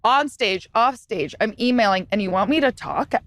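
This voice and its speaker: A woman co-hosting a podcast in casual chat, animated and playful, often jumping into comic bits. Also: fairly high pitch, normal speed, no room sound. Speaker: podcast co-host.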